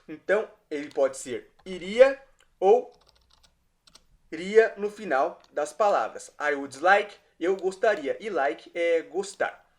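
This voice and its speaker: A man with a high voice gives an online language lesson. He explains patiently and repeats each phrase slowly, word by word. Keys clack faintly behind him. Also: expressive. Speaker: English teacher.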